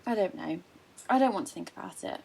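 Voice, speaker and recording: Young woman playing a shy breathy teenage girl. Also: on the low side, expressive, quick pace, heavily acted. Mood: tender. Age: young adult. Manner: hesitant, soft and self-deprecating. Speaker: student actor. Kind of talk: stage drama dialogue.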